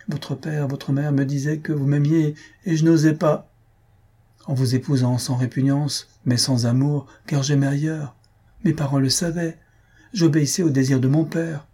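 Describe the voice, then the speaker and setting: A man voicing a gentle, composed young woman who speaks softly in a read-aloud story. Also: medium pitch, breathy edge, natural voice.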